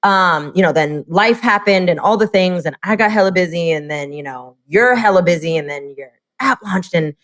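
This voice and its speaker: A woman's voice: lowish voice, moderate pace, few pauses, a bit bright. A young woman hosting a podcast, chatting casually with slangy, effusive talk and frequent laughter. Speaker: podcast host. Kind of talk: casual chat.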